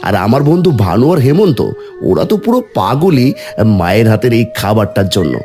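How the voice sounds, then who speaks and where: Cartoon: male actor as a fretting young village son, earnest, lively pitch. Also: brisk, faint music behind. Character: sick, worried young village son, fond of his mother.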